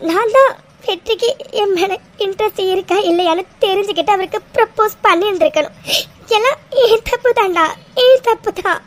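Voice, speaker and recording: Woman voicing a young cartoon woman, very high pitched, crying, tearful, self-blaming. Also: fairly quick. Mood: heartbroken. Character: young woman heartbroken over rejection. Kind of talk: cartoon voice acting.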